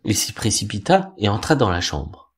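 Conteur masculin posé. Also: male voice, fairly low pitch, slightly rough. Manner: calm, measured, expressive. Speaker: storyteller. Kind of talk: reading a fairy tale aloud.

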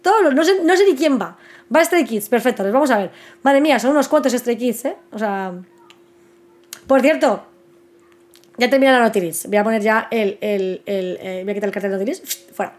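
Chatty, excitable woman on a live stream. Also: fairly high pitch, moderate pace. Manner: chatty and excitable, with many restarts and repeated words. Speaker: host of a live book news stream. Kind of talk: casual live-stream chat.

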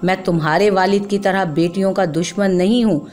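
A woman voicing a calm, loving young husband who speaks tenderly and reassuringly, over faint music. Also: mid-range voice, fairly quick, lightly acted.

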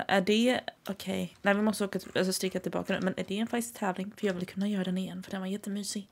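A woman in her twenties from southern Sweden, chatting and giggling excitably while commenting on a game she plays. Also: medium pitch, gravelly. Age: 20s. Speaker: gaming streamer. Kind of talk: casual gameplay commentary.

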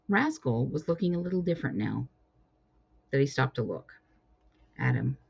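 A woman reading her own cat storybook aloud with expressive storytelling. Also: low-pitched, gravelly, husky. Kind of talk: storybook narration. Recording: dull lo-fi recording.

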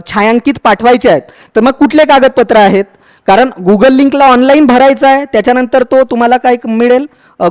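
A man with a very high-pitched voice talks students through an application step by step. He speaks conversationally, often pausing to check in and restarting words. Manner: conversational, repeats "ठीक आहे", frequent fillers and restarts. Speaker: education YouTuber explaining a scheme. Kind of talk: explanatory walkthrough for students.

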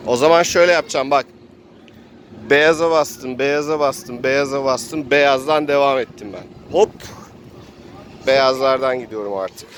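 Over background noise, a man serving as both game master and player narrates a role-play game, describing the action as if he were living it. His voice is medium-pitched and unhurried.

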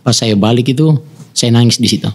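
A man from Samarinda in his thirties, a footballer guest telling his story earnestly in a casual interview, often dropping to a soft voice. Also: fairly even intonation, fairly quick, husky. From Samarinda, East Kalimantan, Indonesia. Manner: earnest, often drops to a soft low voice when moved.

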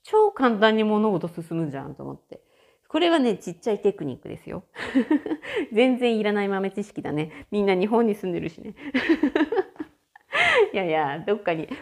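A woman's voice: mid-range voice, normal speed, creaky. A woman hosting a casual solo audio chat, chatty and often laughing. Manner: chatty, frequent laughter, animated shifts in tone. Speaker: podcast host.

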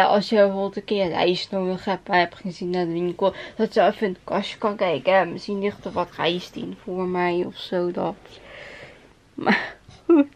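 A woman's voice: medium pitch, a little mellow. A woman vlogger rambling through anecdotes, laughing often and acting out the people she quotes. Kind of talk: casual storytelling.

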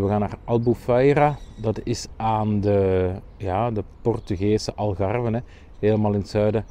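Chatty Flemish man vlogging outdoors. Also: mid-range voice. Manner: relaxed, chatty, with frequent filler pauses. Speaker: travel vlogger. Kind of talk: casual vlog narration. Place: outdoors, walking on a trip. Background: music.

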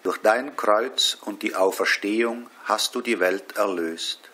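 A man leading a Stations of the Cross devotion, reading prayers and scripture in a slow, solemn way. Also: lowish voice, pushed and bright, slightly rough. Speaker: prayer leader.

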